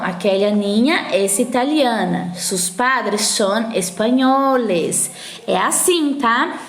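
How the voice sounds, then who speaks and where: A woman with a Brazilian Portuguese accent, teaching a recorded Spanish class and explaining patiently step by step, often checking that her students follow. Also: fairly high pitch. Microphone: phone screen recording.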